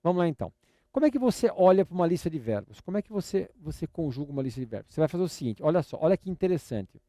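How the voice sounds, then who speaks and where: An older Brazilian man teaches a live lesson in a slightly high, mellow voice. He drills each word patiently and repeats himself often, with a playful, teasing edge. The sound is dry and close. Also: big pitch swings, racing, no room sound. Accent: Brazilian Portuguese. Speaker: English teacher.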